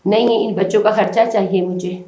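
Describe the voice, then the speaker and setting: A woman's voice: medium pitch, fairly even intonation, warm tone. Distressed woman pleading, in a roomy echo. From Balochistan, Pakistan. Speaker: interviewee. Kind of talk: emotional testimony to a reporter.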